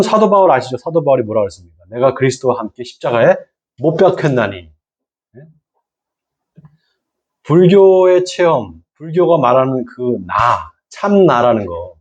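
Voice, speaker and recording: Middle-aged male pastor for a church lecture, mellow husky voice, keeps checking in with the room and repeating key terms, dull lo-fi sound. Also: mid-range voice. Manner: asks the audience and repeats key words. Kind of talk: church lecture to lay people.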